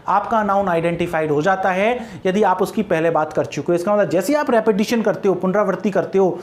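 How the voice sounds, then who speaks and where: Brief: male grammar teacher, patient and repetitive, asks then answers, dictates examples slowly. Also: sits high. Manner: repeats points, asks and answers his own questions; dictates example sentences word by word. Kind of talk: classroom-style grammar lesson.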